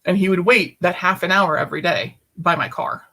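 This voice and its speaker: A woman's voice: fairly low pitch, a little fast, sharp tone. Blunt, emphatic woman guest. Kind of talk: personal storytelling in conversation.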